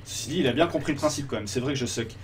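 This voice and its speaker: A man's voice: medium pitch, very fast. A man giving casual gameplay commentary, swearing and mocking himself, mixing in English phrases. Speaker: game streamer. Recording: voice far from mic, game music behind. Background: game music.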